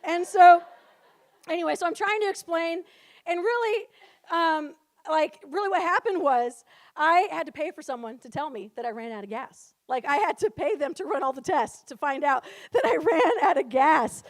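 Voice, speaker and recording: A young woman in her twenties with a very high voice tells a funny story about herself at a retreat. She is chatty and casual, drops "like" constantly and keeps breaking into laughter. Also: animated, normal speed. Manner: chatty, full of "like", laughs often while telling. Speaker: retreat speaker. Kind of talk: humorous personal storytelling.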